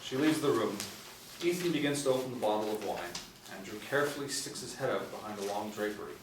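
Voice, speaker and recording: Here a man in his forties narrates screen directions from a script, his lowish voice expressive and quick. A seated group shares the small indoor room, and the faraway microphone gives a roomy sound with a little noise.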